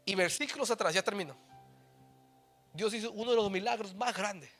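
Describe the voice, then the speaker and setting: A middle-aged man preaching a sermon, mixing in English phrases and swinging from soft asides to loud exhortation. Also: high voice, moderate pace, soft background music. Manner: mixes English phrases into Spanish.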